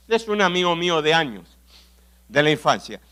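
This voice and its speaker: A man from Argentina with an Argentine accent preaching a sermon, telling stories, asking rhetorical questions and often clearing his throat. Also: on the high side, big pitch swings, unhurried, sharp tone. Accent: Argentine Spanish. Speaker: pastor.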